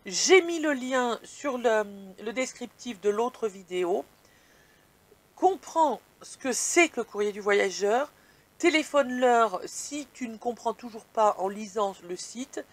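A woman's voice: on the high side, expressive, unhurried. A woman vlog host answering viewer questions in casual chat, speaking bluntly and addressing viewers informally.

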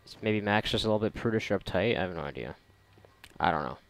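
A gamer with a deep, gravelly voice talks fast with lively intonation as he voices over his playthrough on a close mic. His commentary is casual, sarcastic, rambling, and profane.

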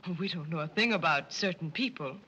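An actress playing a snide, spiteful spoiled daughter in a 1930s screwball film, with a cutting way of talking. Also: female voice, deep voice, lively intonation, brisk, pushed and bright, breathy edge, highs cut off, heavily acted.

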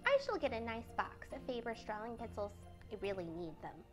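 A woman's voice: a little high, big pitch swings, normal speed, soft background music. A woman voicing a vain, petulant schoolgirl, the youngest sister, prissy and decided, in a storybook reading.

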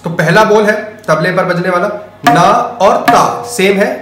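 A man's voice: high voice, measured pace, over loud music. A man teaching tabla in a casual lesson, speaking the drum syllables aloud as he plays them. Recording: echoey room with loud tabla.

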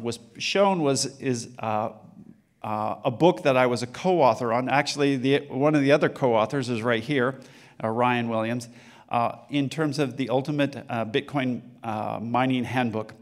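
A man's voice: mid-range voice, unhurried. A man in his sixties giving a conference talk on stage into a handheld mic, with a loose delivery full of fillers and restarts. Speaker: conference speaker. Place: dark conference stage with a large room.

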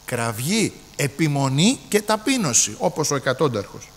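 A man's voice: fairly high pitch, sing-song, big-room sound, slight background noise. A man preaching a sermon emphatically, repeating his phrases and often addressing the brethren.

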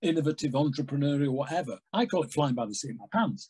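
A man in his sixties from England, a music industry guest telling stories in a rambling, animated way on a video call from home. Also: a little high, fast, slightly rough, poor audio. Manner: animated, rambling storyteller with big hand gestures. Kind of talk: casual interview chat. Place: home room with framed records on wall.

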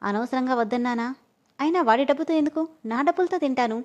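A woman's voice: high voice, fast talker, muffled recording, lightly acted. A woman voicing a feisty, impulsive young woman in a read-aloud story. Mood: grumbling.

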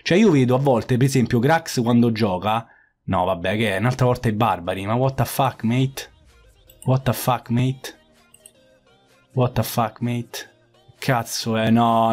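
A man's voice: medium pitch, darkish tone. A man commenting on his own mobile game match, swearing often and repeating phrases in frustration. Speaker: gaming YouTuber. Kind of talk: live gameplay commentary.

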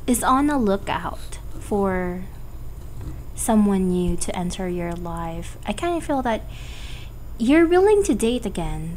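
Female tarot reader, slow and hesitant, cracking voice from a cold, faint background noise. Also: mid-range voice, darkish tone. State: has a cold. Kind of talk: casual monthly tarot forecast.

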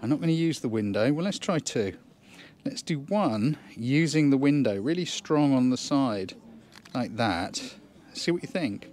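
Man, photography tutor, outdoor hillside, chatty, enthusiastic, thinking aloud, medium pitch. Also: lively intonation, unhurried, a little mellow. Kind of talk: instructional outdoor vlog.

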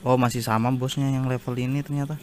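Guy rambling thru a zombie game, mid-pitch voice, lil hiss behind. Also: flat delivery, fast, a little mellow. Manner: chatty, exclaims at jump scares. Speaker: gaming YouTuber. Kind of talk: casual gameplay commentary.

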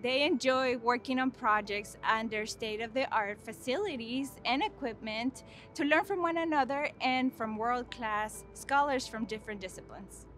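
A woman's voice: on the high side, moderate pace, a bit bright, soft background music. A woman on the faculty speaking in a formal, assured scripted narration outdoors. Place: outdoors on campus path.

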